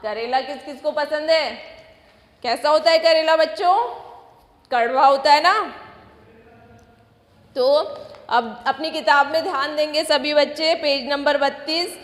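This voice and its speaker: High, slow-spoken woman teaching children. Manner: asks children questions and answers them herself; sounds out syllables one by one. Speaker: primary school teacher. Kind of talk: slow recorded class lesson. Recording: echoey room with long reverb.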